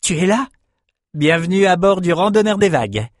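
Man voicing a high breathless young sailor, boastful, eager, dry close storybook reading. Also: normal speed, darkish tone, no room sound, natural voice.

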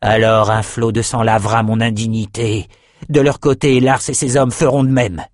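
A man's voice: mid-range voice, fairly even intonation, moderate pace, no echo, clean studio sound, close to an everyday voice. A man voicing a grim, ruthless male warrior captain who speaks in fierce vows in an audiobook.

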